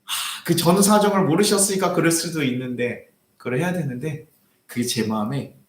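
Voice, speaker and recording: A man's voice: on the high side, moderate pace, a little hiss or hum. A young man preaching a sermon as pastor, telling a personal story and acting out a heated argument. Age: young adult. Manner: animated, acts out quoted arguments in raised voice. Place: church sanctuary. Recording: echoey church hall.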